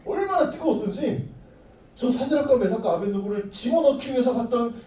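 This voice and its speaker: A man telling a bible story to children as their pastor, playful and animated, asking the kids questions as he goes. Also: extremely high pitch, a little fast. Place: church hall. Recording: echoey room, mic far off.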